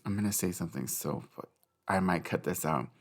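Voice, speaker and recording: A man's voice: sits low, fairly quick. A young man hosting a casual solo podcast, rambling and giggly, swearing freely. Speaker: podcast host.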